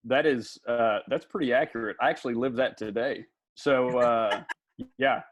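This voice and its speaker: A man's voice: mid-range voice, normal speed, no room sound, lo-fi sound. A man from Memphis, a pastor and mission director, speaking as a guest with wry, hesitant humor. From Memphis, Tennessee. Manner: wry, self-deprecating, hesitant with fillers. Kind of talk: casual podcast interview.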